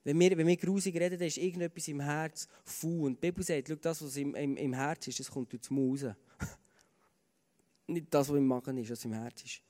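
A Swiss German man preaches a sermon with a slightly high voice. He talks earnestly and conversationally, often restarting phrases. His words ring out with a long reverb from a large church hall. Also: steady tone, fairly quick, dark tone. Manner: earnest, conversational, with fillers and repeated starts. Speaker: pastor. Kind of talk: sermon with personal stories.

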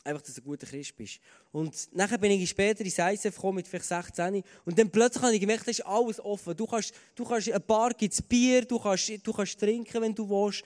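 A Swiss German pastor delivers a sermon full of personal stories in a slightly high, brisk voice. He sounds earnest and conversational, using fillers and often restarting phrases. A long reverb from the large church hall makes his words ring out.

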